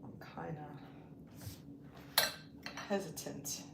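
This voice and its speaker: A woman's voice: slow, heavy background noise. A woman hosting a casual cooking livestream from a home kitchen, thinking aloud and unsure as she works. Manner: hesitant, thinking aloud while working. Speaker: lifestyle channel host. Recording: echoey room with loud kitchen clatter. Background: dishes and cutlery clatter.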